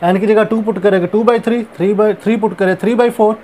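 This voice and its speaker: High-voiced man slowly explaining math. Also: fairly even intonation, a little mellow, slight background noise. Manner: slow, deliberate explaining, mixing Hindi-Urdu with English math terms; repeats filler phrases while explaining. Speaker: math teacher. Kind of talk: recorded math lecture.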